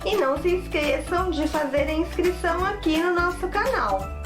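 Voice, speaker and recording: A woman's voice: extremely high pitch, lively intonation, moderate pace, music in the background. A woman teaching a spelling lesson in Brazilian Portuguese, patiently spelling out each rule step by step. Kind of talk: slow, didactic spelling lesson.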